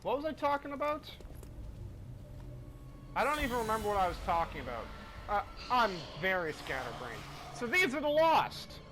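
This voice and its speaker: A man's voice: sits high, sing-song, normal speed, pauses often, background noise. A man giving casual, rambling, self-deprecating commentary while playing a video game. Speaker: gaming commentator. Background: faint game music.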